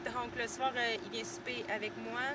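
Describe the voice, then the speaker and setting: High-voiced Québécois woman, noisy outdoor recording. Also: little pitch movement. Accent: Québécois French. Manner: chatty and hesitant, with frequent pauses and light laughs. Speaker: student giving a video tour. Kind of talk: casual video diary tour. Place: outdoors at a horse training center. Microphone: camera mic, filmed by someone behind the camera. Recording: loud outdoor background noise.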